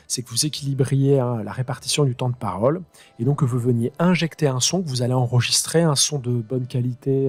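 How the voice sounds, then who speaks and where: Husky male teacher talking through a tutorial. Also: medium pitch. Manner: talks through each click while improvising, addressing his students directly. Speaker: high school teacher. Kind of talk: screen-recorded software tutorial.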